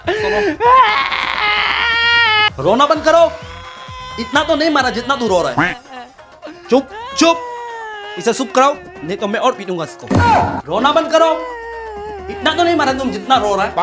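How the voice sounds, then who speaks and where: A quick-tempered mother, as a man puts her on in a high, screechy voice, yelling and nagging at her son. Loud music plays behind the comedy sketch. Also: expressive. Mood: scolding. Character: angry scolding mother of a boy, quick-tempered.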